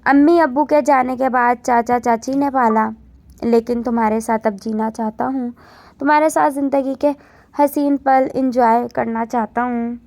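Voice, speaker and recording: A woman's voice: a little high, fairly even intonation, normal speed, a little mellow, no echo, lightly acted. A woman voicing a loving, emotional young husband in a spoken story, with a tender, pleading manner.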